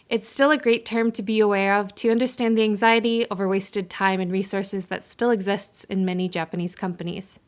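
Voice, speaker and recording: A woman hosting a podcast, reading a scripted intro in a friendly, clear, explanatory way. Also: mid-range voice. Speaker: podcast host.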